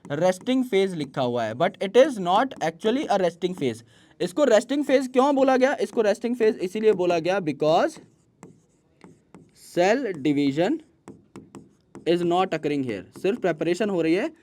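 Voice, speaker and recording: Man teaching biology, dictating slowly. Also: high-pitched, sing-song, a little mellow, a little hiss or hum. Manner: asks rhetorical questions and answers them himself; mixes English terms into Hindi explanation. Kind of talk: online biology lesson.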